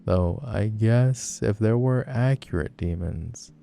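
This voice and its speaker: Man playing a teasing, gravelly low-voiced flirty guy. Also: takes it slowly, dark tone, faint music behind. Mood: playful, rambling. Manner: teasing, playful, rambling. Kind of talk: flirty personal-attention role-play, casual chat.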